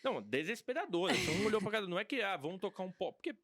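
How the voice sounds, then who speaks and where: A man from Brazil, a guest DJ, telling work stories in an animated, anecdotal way in a casual podcast chat. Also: high-pitched, very fast.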